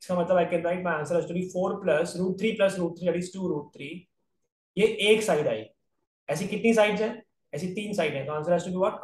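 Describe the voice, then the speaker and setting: Recorded from a distance in a reverberant space with slight background noise, a high-pitched man with an Indian accent gives an online geometry lesson. He teaches for aptitude exams, going step by step and checking in with "right?".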